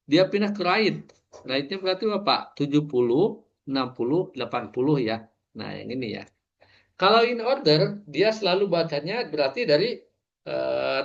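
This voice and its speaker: A man's voice: mid-range voice, gravelly, lo-fi sound. A man, lecturing an online class over a video call, walking through each step with many fillers and asides.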